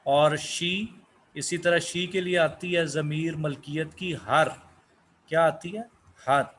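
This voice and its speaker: A man whose first language is Urdu, giving a slow English lesson, asking questions and answering them himself. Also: a little high, fairly even intonation, a bit bright, a little hiss or hum. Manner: asks questions then answers them, repeats words. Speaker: English teacher.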